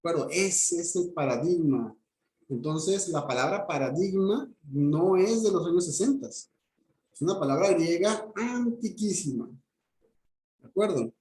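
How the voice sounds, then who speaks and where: A man's voice: on the high side, lively intonation, a little slow, darkish tone, reverberant. A man, lecturing a class and checking in with "¿ok?" as he explains step by step. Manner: explanatory, frequent "¿ok?" check-ins and restarts. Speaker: teacher.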